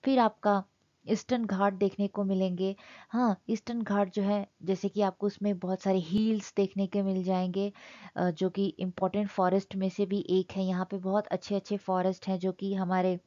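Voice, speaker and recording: A woman delivers an exam-prep geography lesson in a warm, mellow voice, explaining each point patiently and mixing English terms into her talk. The recording is slightly dull and lo-fi. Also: medium pitch, level tone, moderate pace. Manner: explanatory, mixes English terms into Hindi, frequent fillers. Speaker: teacher.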